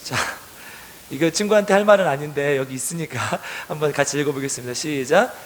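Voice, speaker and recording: High-voiced pastor preaching. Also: male voice. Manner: reads scripture slowly, then paraphrases in casual speech; asks the congregation direct questions. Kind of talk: sermon.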